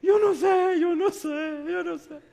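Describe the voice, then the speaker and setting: A man's voice: extremely high pitch, takes it slowly, creaky, darkish tone, pitched above the performer's own voice, heavily acted. A male preacher voicing a guilt-ridden young man who sobs and wails as he speaks, in a reverberant church hall. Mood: sobbing. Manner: wailing, cries through the words.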